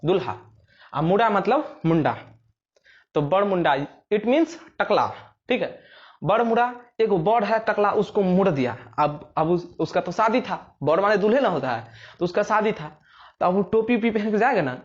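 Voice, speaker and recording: A man's voice: sits high, lo-fi sound. A young man teaching exam memory tricks, telling playful little stories and acting out scenes in rustic dialect. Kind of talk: explaining memory tricks for exams.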